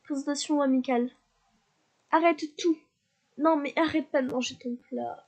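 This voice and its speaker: A woman casually commentating her life-simulation gameplay, chatty and excitable, talking to her characters, sniffly from a cold. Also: sits high, moderate pace, highs cut off. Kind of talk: casual let's-play commentary.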